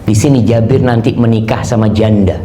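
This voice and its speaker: A male preacher giving a storytelling sermon, animated and quoting Arabic phrases. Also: on the low side, moderate pace, reverberant, slight background noise. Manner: animated, switches into quoted voices and Arabic phrases.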